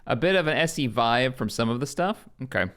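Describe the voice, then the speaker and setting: A man's voice: mid-range voice, expressive, a little fast, a bit bright. A man streaming a game live, chatting casually, reading on-screen prompts aloud and answering his chat. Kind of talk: casual live gameplay commentary.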